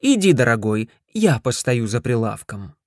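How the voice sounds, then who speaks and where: A man voicing a bossy, sharp-tongued middle-aged wife who scolds and commands her husband. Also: medium pitch, sing-song, normal speed, dry recording, clean studio sound. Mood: concerned.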